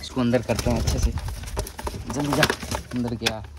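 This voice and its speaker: Brief: male pet vlogger, mid pitch, chatty to viewers, recorded outdoors with loud noise and pigeons cooing. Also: fairly even intonation, moderate pace. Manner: chatty, keeps telling viewers "guys", then scolds angrily. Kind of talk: casual vlog.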